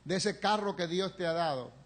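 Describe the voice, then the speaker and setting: A man preaching in a church with a rather high voice. He tells his story with passion, rising to loud pleas and dropping to near-whispered confession. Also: moderate pace. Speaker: pastor. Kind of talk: sermon. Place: church sanctuary, live stream.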